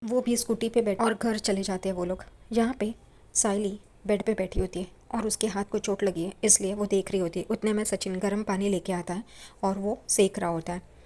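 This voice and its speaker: A woman's voice: mid-range voice, steady tone, fairly quick, dark tone. Woman casually recapping a TV serial. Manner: plain storytelling, reads out quoted lines with little acting; adds her own asides on the characters.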